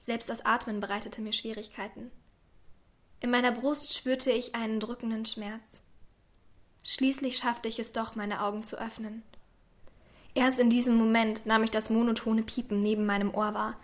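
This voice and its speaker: A woman reading a first-person story aloud in a quiet, subdued way, sometimes dropping to a whisper. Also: on the high side, level tone, normal speed. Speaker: narrator.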